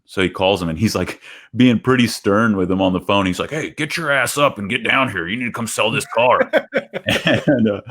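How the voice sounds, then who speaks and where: A man's voice: sits low, a bit bright. A man, co-host of a podcast, telling a casual, rambling story over a video call, with many fillers and restarts.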